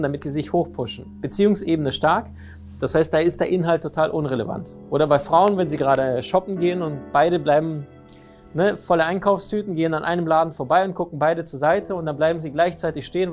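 A man giving a lively motivational talk on relationships, often asking his listeners questions. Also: a little high. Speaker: speaker on communication and relationships.

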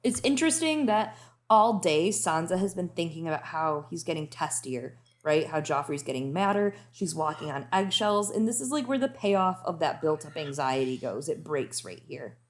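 A woman's voice: low voice, very animated, moderate pace. A young woman co-hosting a podcast, discussing and reading from a book with dry humor. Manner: dry, wry quips. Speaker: podcast co-host.

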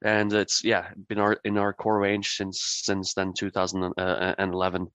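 A man from Norway, a brewery guest in a podcast interview, speaking haltingly with many fillers and restarts. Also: sits low, completely flat delivery, a bit bright, smooth, no room sound.

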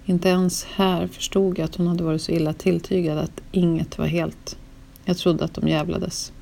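A woman with a low, gravelly voice reads a personal memoir in the first person. Her delivery is slow and solemn, weighed down with grief. It is scripted storytelling. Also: little pitch movement, warm tone. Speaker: narrator.

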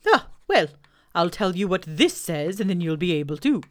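Woman doing a loud, fussy, know-it-all old owl; storybook reading. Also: fairly low pitch, very animated, normal speed. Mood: pompous. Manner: loud, fussy and self-important. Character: pompous self-important old male owl.

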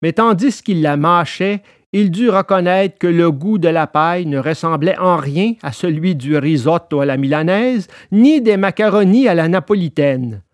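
A man narrating a storybook in an expressive, lively way. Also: on the high side, moderate pace, dry recording, clean studio sound.

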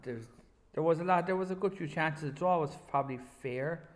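A man's voice: fairly high pitch, fairly quick. A man co-hosting a casual football discussion, conversational and opinionated, in an echoey room. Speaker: podcast co-host.

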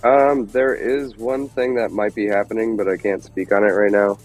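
A man's voice: on the low side, fairly even intonation, moderate pace, soft background music, poor audio. A man in his thirties from Detroit, a guest musician chatting casually and rambling through stories with lots of fillers. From Detroit, USA. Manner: rambling, laid-back storytelling with many fillers. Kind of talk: casual chat.

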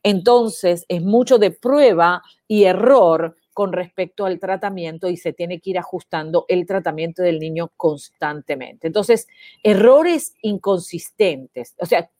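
A woman's voice: lowish voice, mellow, no room sound, studio quality. A woman, teaching parents in an informal way, explaining with many examples and rhetorical questions. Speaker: educator on child speech disorders.

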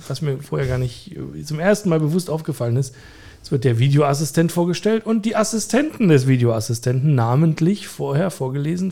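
Male podcast co-host, warm dark tone, rambling casual football banter. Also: medium pitch. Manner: rambling, many fillers, dry humor.

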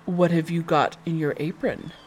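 A woman voicing a sly, hungry male wolf who talks low, slow and coaxing. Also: steady tone, darkish tone, slight background noise, natural voice, rough recording.

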